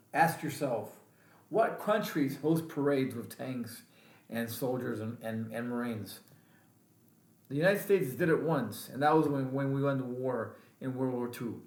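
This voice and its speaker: A man's voice: medium pitch, unhurried, a little mellow. A male veteran vlogger giving an angry, emphatic political rant and repeating his points. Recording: roomy echo.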